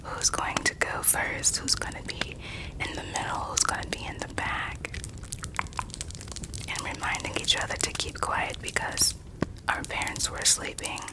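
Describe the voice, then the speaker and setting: A person telling stories in a soft, breathy ASMR whisper, lingering over words and softly repeating some of them. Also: a little slow, poor audio. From United States. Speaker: ASMR creator.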